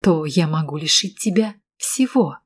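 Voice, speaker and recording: A cool, calculating woman who stays calm and measured even while she presses her point, voiced by the narrator. Her voice is a little low for a woman, and the lines come from an audiobook reading. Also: husky, exaggerated voice. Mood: cold, insistent.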